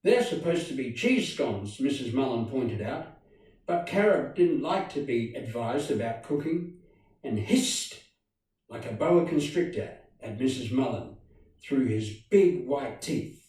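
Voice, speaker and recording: A man reading a children's story aloud in a slow, measured way. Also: medium pitch, expressive, a little mellow. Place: studio. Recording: very echoey room, distant mic.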